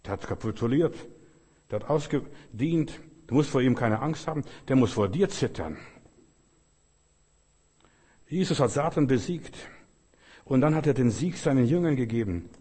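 Husky preaching man in a church. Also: mid-range voice, lively intonation, moderate pace, warm tone, in a large hall. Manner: emphatic preaching, repeating phrases, quoting scripture. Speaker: pastor. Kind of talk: sermon.

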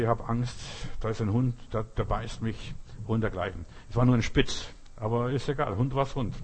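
A man's voice: medium pitch, a little mellow, slightly rough. An older man preaching a casual sermon who keeps checking in with his listeners and tells stories from his own life. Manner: informal preaching, often asks "verstehst?", tells personal stories.

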